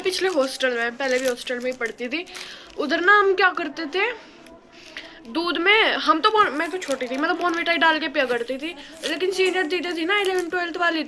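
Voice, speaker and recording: Bright, high-voiced young woman from western Uttar Pradesh. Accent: Western Uttar Pradesh Hindi. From western Uttar Pradesh, India. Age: young adult. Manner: blunt, rambling, laughs often, plain rustic speech. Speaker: vlogger. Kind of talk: casual chatty vlog. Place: college hostel room.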